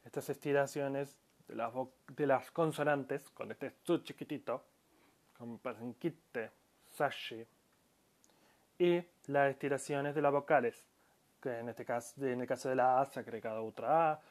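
A man's voice: mid-range voice, a little slow. A man giving a spoken language lesson, explaining pronunciation patiently and stretching out example words, with frequent restarts. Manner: calls himself audio-lesson maker, addresses listeners. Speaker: Japanese language teacher.

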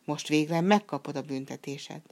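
Woman reading a gruff old fairy-tale knight, low pitch, slow and weighty delivery. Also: darkish tone. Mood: angry.

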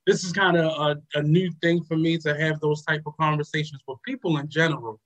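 Male talk host, slightly higher voice, halting and filler-heavy delivery. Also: steady tone, fairly bright tone, poor audio. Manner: hesitant, many ums and uhs. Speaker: radio show host. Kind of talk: casual reflective talk.

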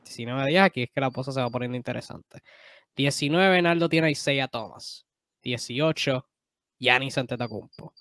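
A man co-hosts a casual sports podcast, firing off points in animated, quick bursts and fixing his own slips mid-sentence. His mid-pitched voice sits close to the mic, dry and free of room sound. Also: no echo. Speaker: podcast co-host.

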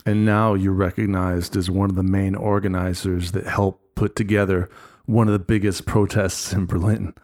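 A man interviewing a protest organizer, asking questions in a slow, halting way as he searches for words. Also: sits low, little pitch movement, a little mellow.

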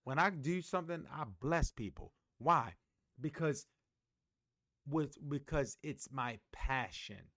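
A man's voice: fairly high pitch, slow, fairly bright tone, no room sound, studio quality. A man hosting a motivational podcast, preaching emphatically and calling on listeners to repeat after him. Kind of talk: motivational monologue.

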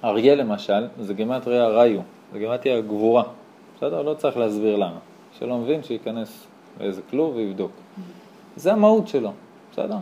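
A man, a rabbi, teaching a lively Torah class to a small live audience, telling stories, acting out dialogue and asking his listeners rhetorical questions. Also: medium pitch, highs cut off, slight background noise. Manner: animated storyteller who acts out dialogue.

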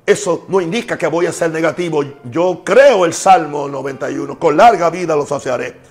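A man with preaching a sermon, his voice sitting a little high. He drives points home by repeating phrases. Soft music runs faintly underneath. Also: normal speed. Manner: emphatic preaching with repetitions. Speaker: pastor.

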